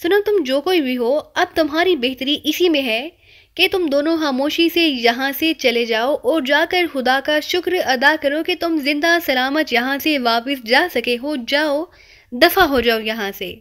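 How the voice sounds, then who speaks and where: A woman's voice: high voice, a bit bright. A woman voicing a harsh, blustering middle-aged male club manager who barks orders, in an audiobook reading. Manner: harsh, commanding.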